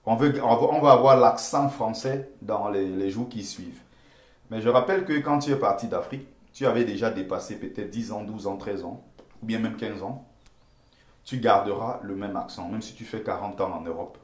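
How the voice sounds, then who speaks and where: A Cameroonian man with a Bamileke accent gives impassioned live-stream commentary in a lowish voice at a moderate pace, in an echoey room. He speaks emphatically, repeats himself, and pleads with his viewers.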